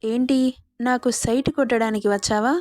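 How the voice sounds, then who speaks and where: A woman's voice: on the high side, steady tone, normal speed, darkish tone, no echo, close to an everyday voice. Woman reading as a teasing young husband.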